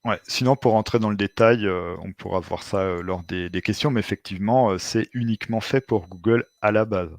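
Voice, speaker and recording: A man's voice: lowish voice, brisk, few pauses, no echo. A man presenting a webinar as an expert, explaining informally and hesitantly, with frequent filler sounds and restarts.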